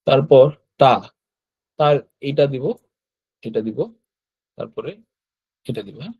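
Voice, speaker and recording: A man teaching an online lesson on writing characters step by step. He talks patiently, repeats each stroke, and often checks in with a quick "yes". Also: mid-range voice, slightly rough, muffled recording. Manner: patient, repeats steps, frequent "hyaan" checks. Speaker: Japanese language teacher. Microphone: computer mic while drawing with a mouse.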